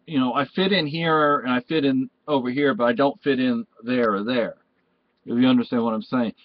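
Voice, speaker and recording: A man's voice: mid-range voice, dry recording, dull audio. A Spanish-born man with Spanish as his first language, hosting a home vlog in a rambling, meandering way that keeps correcting itself. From Spain. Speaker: vlog host. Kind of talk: casual rambling chat to camera.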